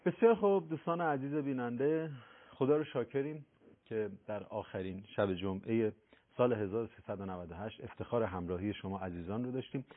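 A man hosting a religious talk show, speaking politely and deferentially with frequent hesitations. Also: on the low side. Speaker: host. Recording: thin phone-like broadcast sound.

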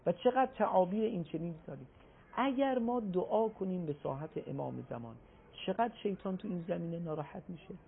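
A man giving a religious talk on a broadcast program, explaining patiently and reciting Arabic phrases slowly. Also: high voice, lively intonation, gravelly, husky. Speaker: religious speaker. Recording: tinny phone-like broadcast audio.

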